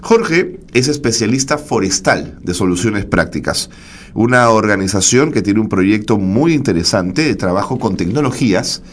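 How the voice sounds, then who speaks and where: Hoarse radio host. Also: male voice, lowish voice, slight background noise. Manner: formal, welcoming, with frequent "eh" fillers. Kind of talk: radio talk show hosting.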